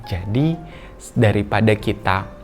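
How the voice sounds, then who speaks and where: A man working as a child therapist, calmly explaining home exercises to parents in an instructional talk. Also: on the low side, soft background music. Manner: calm, explanatory, with slow singsong demonstrations.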